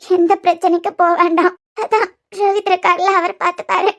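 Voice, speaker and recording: A woman voicing an anxious, devoted young wife in a cartoon, pleading softly in a Kanyakumari Tamil accent. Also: extremely high pitch, flat delivery, fairly quick. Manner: pleading, soft. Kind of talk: cartoon voice acting.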